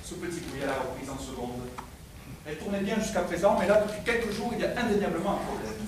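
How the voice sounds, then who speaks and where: A man's voice: high-pitched, quick pace. A man playing a fussy, obliging chauffeur with formal, earnest manners, in theatrical stage comedy style. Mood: earnest, fretful. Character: fussy, obliging male chauffeur obsessed with his car, muddled actor. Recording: distant, very echoey, slightly noisy stage recording.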